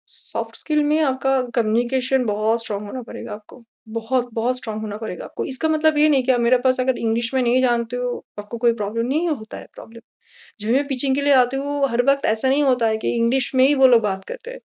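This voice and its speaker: A woman's voice: on the high side, fast talker. A woman from India, a sustainability consultant, answering interview questions and telling stories in Hindi mixed with English. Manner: animated, mixes English into Hindi, acts out dialogue.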